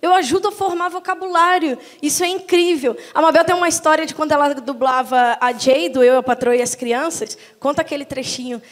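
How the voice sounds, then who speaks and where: A woman's voice: high voice, brisk, hardly any pauses. A woman with a Brazilian accent, a translator, speaking with enthusiasm to an audience in a talk about dubbing. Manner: enthusiastic, addresses the audience directly. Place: lecture hall. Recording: long reverb of a hall.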